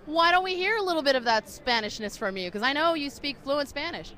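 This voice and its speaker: A bright-voiced woman runs a loose, joking interview outdoors at a convention. She teases her guest and talks straight to the viewers at home in a chatty, upbeat way. Her voice sits a little on the high side. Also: animated, a little fast. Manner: playful and teasing. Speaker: interview host.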